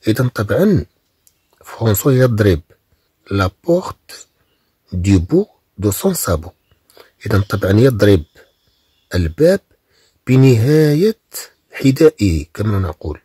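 A man from Morocco, teaching French, reading phrases very slowly and then explaining them quickly. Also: lowish voice, sing-song, dark tone, breathy edge, dry recording, clean studio sound.

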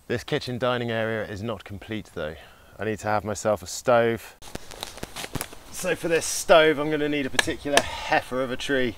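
A man films his own bushcraft vlog in rainy woodland, commenting casually and cheerfully with playful, jokey asides. His voice is mid-range and a bit bright, at a moderate pace, with a little hiss or hum in the recording.

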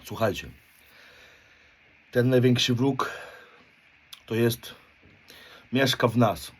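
A Polish man in his thirties, a motivational speaker, gives a blunt confessional monologue in street slang, swearing constantly and often ending his points with a questioning "right?". His mid-range voice is husky and slow.

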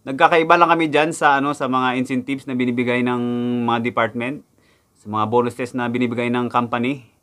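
A young man from the Philippines talks straight to a close camera in a casual vlog. He is chatty and explanatory, often calling out to his viewers and going back over the same numbers. His pitch sits at an ordinary middle level for a man. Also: steady tone, brisk, fairly bright tone. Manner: chatty, repeats figures and addresses viewers often. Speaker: vlogger, overseas factory worker. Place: indoors in front of a backdrop.

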